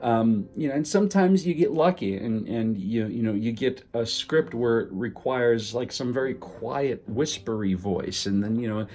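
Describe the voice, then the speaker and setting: A man's voice: mid-range voice, normal speed, few pauses, darkish tone. A man talking casually and at length about his work as a voice actor, in a rambling, conversational way with emphatic stresses. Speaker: amateur voice actor. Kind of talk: casual monologue on voice acting.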